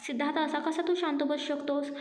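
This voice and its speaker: A woman's voice: sits high, little pitch movement, fairly quick, close to an everyday voice. Woman reading a pushy, caring male friend. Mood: urging. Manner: urging. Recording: echoey room with faint music.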